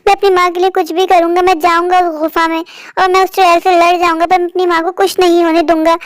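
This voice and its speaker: A woman's voice: very high voice, level tone, fast, no room sound, clean studio sound. A woman voicing a devoted young boy. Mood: earnest. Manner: earnest, pleading. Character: devoted timid young boy caring for his mother. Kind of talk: cartoon voice acting.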